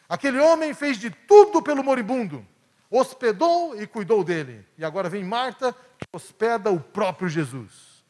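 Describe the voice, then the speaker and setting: A male pastor from Brazil preaching a sermon, swinging between emphatic peaks and hushed asides. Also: very high-pitched. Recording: long church hall reverb.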